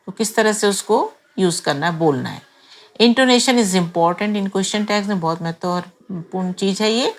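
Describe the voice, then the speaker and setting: A woman teaching an English grammar lesson, explaining slowly and carefully and repeating each example. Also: medium pitch.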